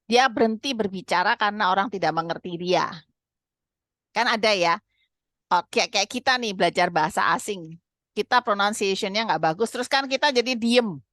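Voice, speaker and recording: A woman's voice: mid-range voice, bright, forceful tone, dry recording, studio quality. A woman hosting a channel, giving casual, chatty advice with everyday examples.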